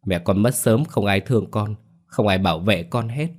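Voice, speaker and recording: Brief: spoiled sly little boy, tearful whine, audio story, voiced by a man in a low voice. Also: moderate pace, darkish tone, lightly acted. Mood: whining. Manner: tearful, whining.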